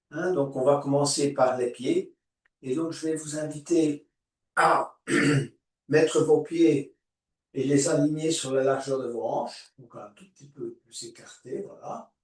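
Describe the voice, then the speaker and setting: A man guiding a yoga class, giving calm, drawn-out cues for breathing and movement. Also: a little high. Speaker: yoga teacher. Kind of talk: guided yoga class instruction. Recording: echoey room, voice far from mic.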